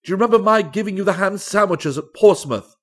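In a storybook reading, a man voices a blunt, sentimental old vaudeville performer, using a husky voice and emphatic phrasing. The delivery is high-pitched, quick, and a bit bright, sounding indignant and hurt.

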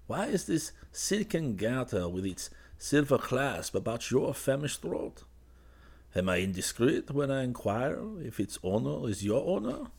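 A man voicing a drowsy young painter who murmurs softly and dreamily to a cat. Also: medium pitch, creaky, husky, voice pushed up, full character voice. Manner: soft, dreamy, musing.

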